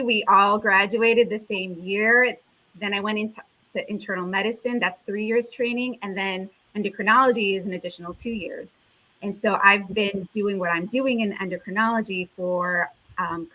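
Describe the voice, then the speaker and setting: A woman's voice: mid-range voice, bright, forceful tone, rough recording. A woman from the United States, an endocrinologist, giving an earnest, reflective interview answer with frequent fillers. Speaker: endocrinologist guest.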